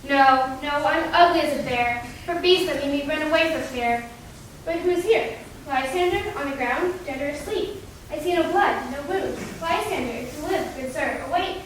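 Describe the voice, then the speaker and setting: A woman playing a desperate lovelorn maiden, high. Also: normal speed, slight background noise, close to an everyday voice. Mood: pleading. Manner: pleading emotional verse. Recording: echoey hall from far off.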